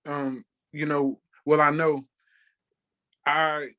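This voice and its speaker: A chef in his thirties from Texas, United States, guests on a podcast, casually telling personal stories. He speaks extremely slowly in a fairly high, fairly bright voice. His delivery is flat.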